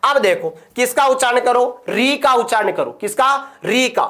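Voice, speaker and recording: A man's voice: very high-pitched, animated, moderate pace, bright, forceful tone. A male teacher gives a classroom grammar lecture. He keeps asking his students questions and then answers them himself.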